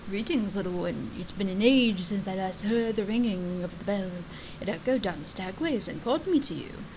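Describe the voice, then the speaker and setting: A woman voicing a weary, courteous old stag, reading game dialogue slowly and formally. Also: mid-range voice, lively intonation, darkish tone, slight background noise, natural voice, rough recording. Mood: weary, welcoming. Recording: game music behind.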